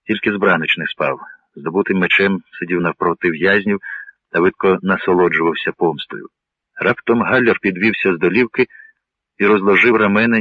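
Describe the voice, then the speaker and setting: A male narrator reads a historical novel in a deep, measured voice. The sound is dry and narrow, like a phone line. There is no room sound at all. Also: dry recording. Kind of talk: audiobook reading.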